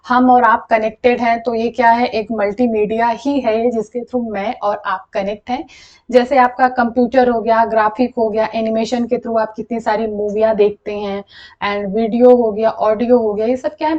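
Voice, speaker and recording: A woman's voice: fairly high pitch, darkish tone, lo-fi sound. A young woman teaching an exam-prep lesson, explaining patiently and checking in with listeners as she goes. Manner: explanatory, repeats "thik hai" to check in.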